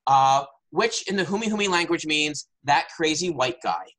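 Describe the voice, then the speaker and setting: A man's voice: fairly high pitch, animated, moderate pace, a bit bright, rough recording. Man spinning a playful tall tale. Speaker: game host and player. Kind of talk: improvised storytelling game. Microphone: video call.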